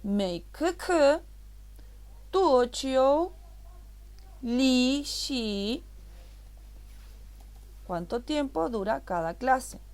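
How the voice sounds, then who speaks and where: A woman's voice: high-pitched, animated, drawn-out words, long pauses, darkish tone. A woman teaching a recorded online language class, explaining patiently and repeating each word step by step.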